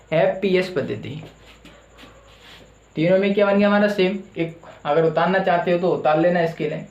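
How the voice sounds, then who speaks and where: Guy teaching a class, asks then answers his own questions, kinda high voice, echoey room. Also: darkish tone, highs cut off. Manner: asks a question, then answers it himself, repeating key terms. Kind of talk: classroom lecture with call-and-response questions.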